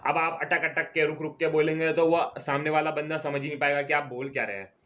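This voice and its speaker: A man teaching a commerce lecture at a board, explaining terms step by step and stretching key words out slowly. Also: on the high side, steady tone, fairly bright tone. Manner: repeats key terms slowly, checks in with "ठीक है". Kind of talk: classroom lecture.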